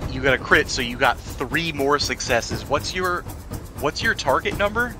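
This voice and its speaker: A man serves as game master for a tabletop role-playing game, joking, swearing freely and laughing often. His fairly high voice is expressive and moves at a normal speed, with music playing in the background.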